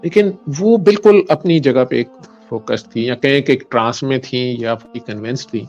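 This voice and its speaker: Gravelly-voiced male doctor telling a story. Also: medium pitch, a little mellow, muffled recording, soft background music. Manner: retells events with quoted dialogue, mixes in English medical terms. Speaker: doctor, interview guest. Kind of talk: storytelling in an interview.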